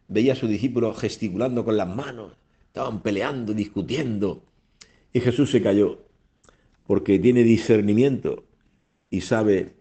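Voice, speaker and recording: A man's voice: on the low side, mellow. A man preaching a sermon on the radio, emphatic, with repeated phrases and rhetorical questions.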